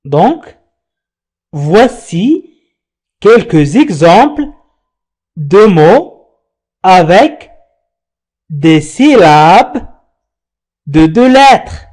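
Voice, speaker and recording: A man teaching French pronunciation, spelling out letters and syllables slowly. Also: high-pitched, sing-song, darkish tone. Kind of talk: slow pronunciation lesson.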